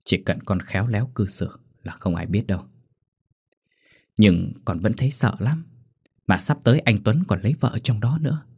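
A man's voice: on the low side, normal speed, gravelly, darkish tone, slightly rough, full character voice. A man voicing a doting older mother. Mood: soothing.

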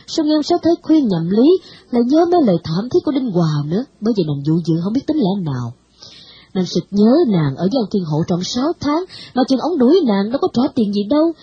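A woman narrating a novel in an expressive storytelling style. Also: mid-range voice, fast talker, breathy edge, dry recording, dull audio.

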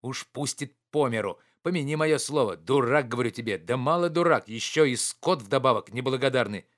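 A man reading an audiobook, voicing a loud, boorish, quarrelsome middle-aged man who shouts and blusters. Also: medium pitch, expressive, fairly quick, lightly acted. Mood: scolding.

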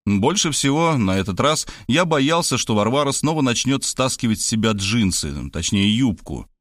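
Male narrator with a lively voice, dry read. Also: medium pitch, moderate pace, dry recording. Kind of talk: first-person audiobook narration.

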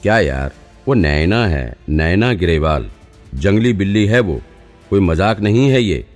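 Anxious young cop, worried and urgent, deep voice, a man reading. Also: animated, normal speed, darkish tone, faint music behind. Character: anxious young male police trainee.

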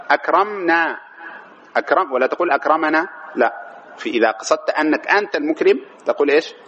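A man's voice: medium pitch, a bit bright. A man teaching an Arabic grammar lesson, quizzing students with rhetorical questions. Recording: dull lo-fi classroom recording with faint noise.

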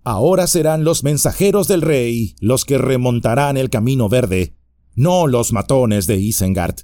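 A man voicing a calm, firm hobbit leader in an audiobook, measured and steady. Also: mid-range voice, dry recording, clean studio sound, pitched above the performer's own voice, natural voice.

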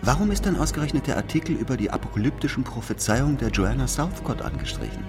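An actor playing Sherlock Holmes in a German radio play, a smug, coolly merciless detective who lectures and needles in a deliberate, superior way. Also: male voice, mid-range voice, very animated, music in the background. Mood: coolly accusing.

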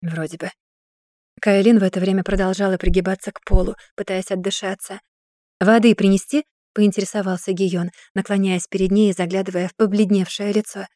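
A woman narrating an audiobook in an even, steady storytelling manner. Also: mid-range voice, fast talker, hardly any pauses, dry recording, clean studio sound.

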